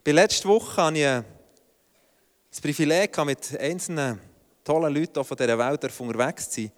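A man's voice: on the high side, moderate pace. A man preaching a sermon, telling Bible stories in a colloquial way and acting out the dialogue. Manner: animated, colloquial storytelling, acts out biblical dialogue. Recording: reverberant hall.

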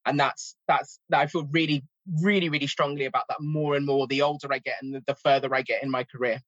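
A woman's voice: extremely low pitch, fairly even intonation, fast talker, no room sound, highs cut off. A woman in her forties with a North London accent, a language teacher talking earnestly in a podcast conversation. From England. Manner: earnest, reflective, emphatic.

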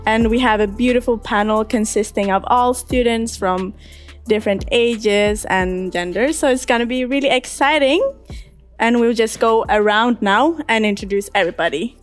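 A woman in her twenties, from Ethiopia, moderating a live panel discussion with relaxed, frequent agreeing murmurs. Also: a little high, moderate pace, soft background music. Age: 20s. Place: live event venue.

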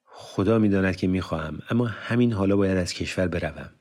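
A man's voice: low voice, darkish tone, close to an everyday voice. A man voicing an earnest young fugitive in an audiobook, asking urgent, pleading questions. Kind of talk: audiobook character voice.

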